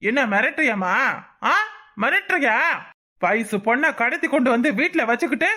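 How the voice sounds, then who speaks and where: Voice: sits high, lively intonation, moderate pace, sharp tone, full character voice. A voice actor playing a rich, threatening old man in a cartoon, blustering and menacing, with a Kanyakumari Tamil accent. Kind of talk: cartoon voice acting.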